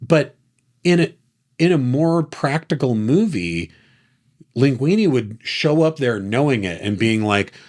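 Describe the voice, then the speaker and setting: Podcast co-host, man, animated and chatty, mid pitch, slips into voices for quotes. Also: a little slow. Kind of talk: casual film discussion.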